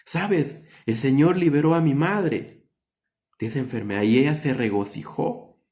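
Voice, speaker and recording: A Guatemalan man preaches an earnest sermon packed with rhetorical questions, his pace swinging between quick and drawn-out. His voice is mid-range and slightly mellow.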